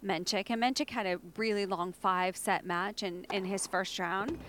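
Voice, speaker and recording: A woman breaks down tennis points in a conversational, agreeable way. Her voice sits at a middle pitch, and steady noise runs behind her on the broadcast. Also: normal speed. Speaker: tennis co-commentator. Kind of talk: live sports analysis.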